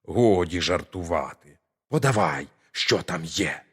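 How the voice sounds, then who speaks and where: A man voicing two scheming, jumpy male thieves who talk low and wary in an audio fairy tale. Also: expressive, measured pace, fairly bright tone, husky, heavily acted. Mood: wary, hushed.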